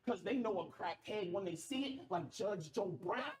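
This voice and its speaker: A man with a high, bright voice rapping along as he reacts to a battle on his stream. He repeats the bars and breaks out in shouts. A loud cheering crowd fills the background. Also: animated, normal speed. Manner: repeats lines with loud outbursts. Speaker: livestream host. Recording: loud crowd noise behind.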